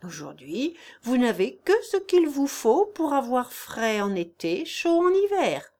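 A woman reading the part of a cheerful, contented elderly lord of a manor in an audiobook, in a jovial, warm-hearted manner. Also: a little high, sing-song, measured pace.

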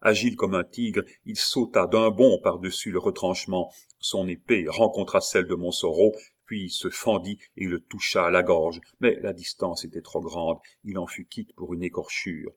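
A man reading a classic novel aloud as an audiobook narrator, steady and measured. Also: deep voice.

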